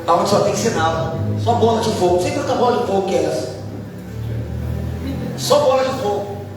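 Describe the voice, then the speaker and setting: A man from Brazil preaching a fervent sermon in a church, his voice climbing into high shouts. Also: lively intonation, moderate pace. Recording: echoey hall, distant mic, music behind.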